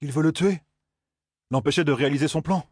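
A man voicing a gruff, indignant young blacksmith who grumbles back at others. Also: fairly high pitch, a little fast, darkish tone, no room sound, studio quality, voice pushed up.

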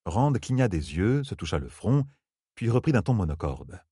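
A man narrating an audiobook in an expressive, measured way. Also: on the low side, husky, no echo, clean studio sound.

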